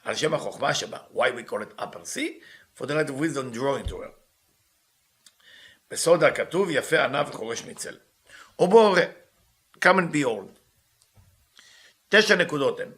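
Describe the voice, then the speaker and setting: Guy teaching kabbalah, bright voice, asks himself questions and answers. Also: medium pitch, animated. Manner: reads Hebrew quickly then explains in English. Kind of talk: teaching a text.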